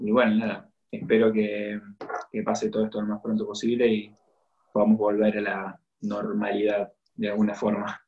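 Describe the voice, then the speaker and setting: A man with a Latin American Spanish accent chatting casually and hesitantly, with pauses. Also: fairly low pitch, completely flat delivery, narrow, tinny audio. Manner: hesitant, pausing. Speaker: athlete guest. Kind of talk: casual conversation.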